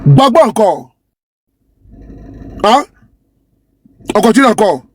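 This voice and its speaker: A man's voice: sits high, very animated, slow, darkish tone, husky. A man commenting to camera while scrolling through a page. He talks in a repetitive, scornful way and keeps asking his viewers if they see. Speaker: online commentator.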